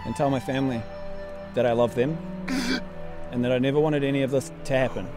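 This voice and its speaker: An actor playing a mortally wounded militia captain in a fantasy game parody, gasping out halting dying words. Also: male voice, medium pitch, steady tone, over music, close to an everyday voice. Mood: pained, sorrowful.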